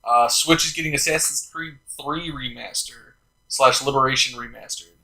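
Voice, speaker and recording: A man's voice: mid-range voice, moderate pace, pushed and bright, low-quality recording. A young man hosting a casual podcast chat, rambling with fillers and laughing often. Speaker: podcast host.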